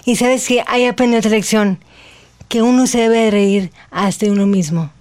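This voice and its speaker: A woman, speaking slowly and deliberately as an interview guest telling her personal story. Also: on the high side, steady tone, darkish tone. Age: 40s. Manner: slow, deliberate, earnest speech after recovering her voice.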